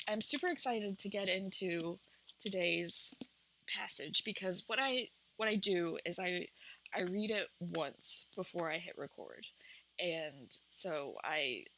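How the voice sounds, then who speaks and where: A woman with an Appalachian accent chatting casually and unscripted as a vlog host, in a halting, reflective, self-conscious way. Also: on the low side, creaky, bright, forceful tone, poor audio. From Appalachian United States. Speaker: vlog host and small business owner. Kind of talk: casual, unscripted chat to camera.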